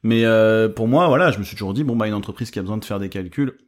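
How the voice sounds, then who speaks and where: A man co-hosting a podcast who rambles in halting, self-deprecating phrases. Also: lowish voice. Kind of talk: casual podcast chat.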